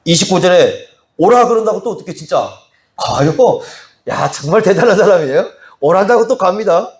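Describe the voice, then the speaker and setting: A man's voice: high voice, lively intonation, fairly quick. A male pastor preaching an expository sermon in a conversational way, often asking the congregation questions. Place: church sanctuary.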